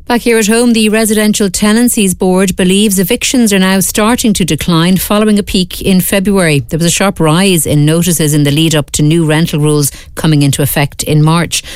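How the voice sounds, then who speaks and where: Smooth-voiced Irish woman reading news. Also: on the low side, fairly even intonation, no echo. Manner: measured, formal delivery. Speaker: newsreader. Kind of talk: scripted radio news bulletin. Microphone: studio microphone.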